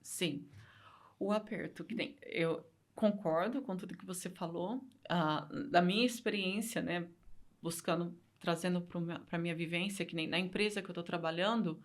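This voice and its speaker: Speaking Portuguese with a Brazilian accent at a normal speed, a Brazilian woman with a lowish voice shares her story as a guest in a relaxed interview. She is earnest and keeps repeating phrases to stress her points.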